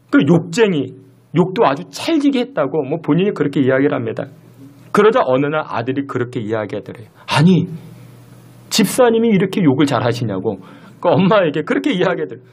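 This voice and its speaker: A middle-aged male pastor preaching a sermon. He tells a story and speaks to the congregation directly. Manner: storytelling with lively pitch swings, addressing the congregation directly.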